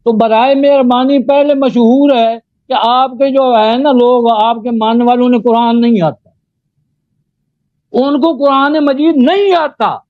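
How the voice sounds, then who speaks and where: High-voiced man lecturing in a debate. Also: no echo, phone-quality sound. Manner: lecturing, correcting the opponent. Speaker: Sunni cleric debating. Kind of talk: live religious debate.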